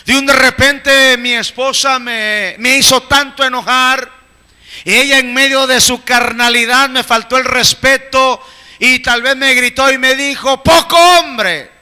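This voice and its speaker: A man preaching a sermon with emphatic delivery, rising to shouts at the peaks. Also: very high voice, flat delivery, a little slow, clean tone. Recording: echoey hall.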